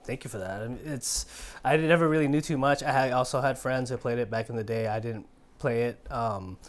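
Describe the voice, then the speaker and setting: A man's voice: medium pitch, fairly quick. Upbeat, enthusiastic male podcast co-host. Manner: upbeat, enthusiastic, says "man" and "bro". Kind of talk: casual chat.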